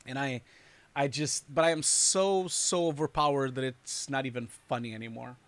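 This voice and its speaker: A man's voice: mid-range voice, fairly even intonation, moderate pace, fairly bright tone. A man hosting a live stream, chatting casually and rambling, laughing often. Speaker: host reviewing showreels. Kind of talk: casual livestream chat.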